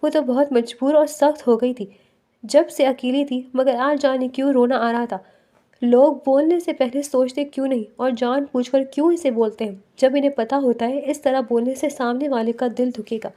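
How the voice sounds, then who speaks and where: A woman narrating a novel as a bedtime story, in a steady storytelling manner. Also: sits high, moderate pace.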